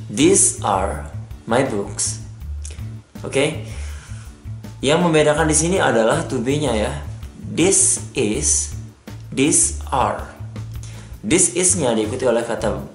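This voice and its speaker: Male teacher, chatty lesson with frequent check-ins, roomy echo, faint guitar music underneath. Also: medium pitch. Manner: repeats "ya" and "oke", reads examples slowly. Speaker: English teacher. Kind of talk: casual explanatory lesson.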